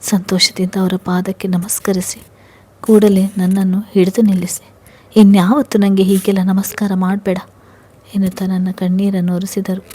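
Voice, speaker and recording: Soft-spoken woman storyteller, hushed. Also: mid-range voice, husky. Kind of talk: first-person story narration.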